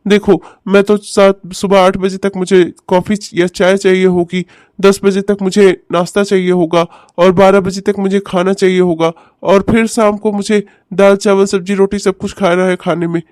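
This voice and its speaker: Long-winded cartoon uncle, high flat voice, dark tone, dry close recording. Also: male voice, no echo. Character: demanding middle-aged uncle, fussy guest.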